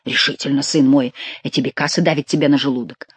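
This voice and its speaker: A woman's voice: very deep voice, steady tone, quick pace, slightly rough, dry recording, voice pushed down. A woman voicing a sly, mocking Gascon jester who teases his king with mock familiarity.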